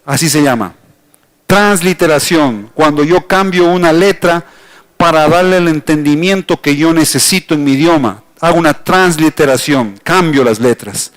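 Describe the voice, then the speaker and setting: High-voiced Ecuadorian pastor teaching. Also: male voice. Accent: Ecuadorian Spanish. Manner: explanatory, addresses the congregation directly, slows to spell out words. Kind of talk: teaching sermon. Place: church hall.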